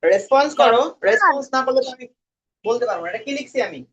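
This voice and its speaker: A man's voice: extremely high pitch, expressive, fast talker, fairly bright tone. A man teaching an English lesson, quizzing his students and mixing English words into his talk. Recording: dull lo-fi recording.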